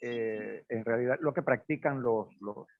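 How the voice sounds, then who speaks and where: A man's voice: medium pitch, measured pace, no room sound. A man from Portugal raised in Venezuela, telling a personal story in a hesitant conversational way with many fillers. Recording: dry, phone-like band.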